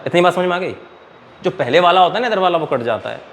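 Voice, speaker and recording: Male chemistry tutor, classroom lecture, slightly raised pitch, quizzing students, quiet background noise. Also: animated, fast. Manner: quizzes students and answers his own questions; calls students "beta". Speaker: chemistry teacher.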